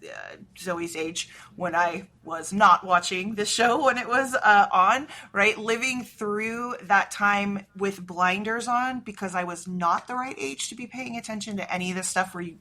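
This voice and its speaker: A woman chatting casually as a podcast co-host. Her voice is bright and forceful, with a fairly low pitch. She talks at length and keeps checking in with her listeners. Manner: talkative, often asks "right?". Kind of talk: casual chat.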